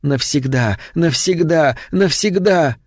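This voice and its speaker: Male reader as a seductive vampire woman, whispered, higher voice, dry close sound. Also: measured pace, a little mellow, no room sound, natural voice. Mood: hungry. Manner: breathy pleading whisper. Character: cold seductive female vampire lover.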